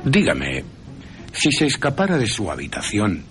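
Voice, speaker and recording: In a radio play with music beneath it, a man voices a grave, assured professor who hunts vampires, speaking emphatically and deliberately. His voice is fairly low yet pushed up, with wildly swooping pitch and an assured, probing mood.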